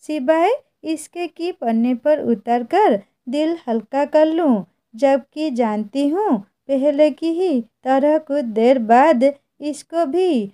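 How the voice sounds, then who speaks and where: A woman reading out a sad young wife's letter, soft and wistful. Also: high voice.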